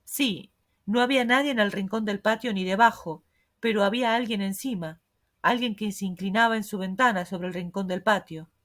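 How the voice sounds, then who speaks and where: Woman reading a calm cocky young reporter guy, no rush at all. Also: medium pitch, lightly acted. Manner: calm, unhurried, sure of himself. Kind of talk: audiobook reading.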